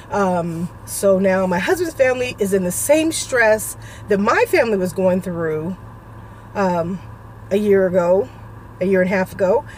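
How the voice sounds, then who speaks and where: A middle-aged woman vlogger giving a halting, emotional personal update, close to tears. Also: medium pitch, a little hiss or hum. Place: suburban home.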